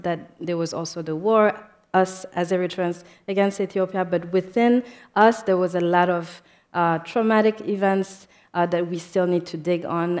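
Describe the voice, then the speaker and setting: A young woman speaking on a panel about her diaspora organization's work, halting with frequent fillers and restarts. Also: lowish voice, darkish tone. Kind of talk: panel discussion remarks.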